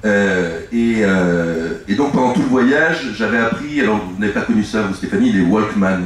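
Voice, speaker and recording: Crowd noise and an echoey room surround this distantly recorded middle-aged man, a French-native author guesting at a live book talk, with faint ambience. His lowish voice has lively intonation as he gives long answers that ramble, halt and restart again and again.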